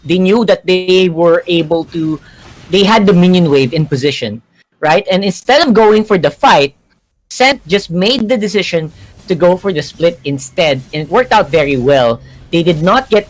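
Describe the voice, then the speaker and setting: A man's voice: fairly high pitch, low-quality recording. A man giving live color commentary on an esports match, casually explaining team strategy. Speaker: esports analyst co-caster.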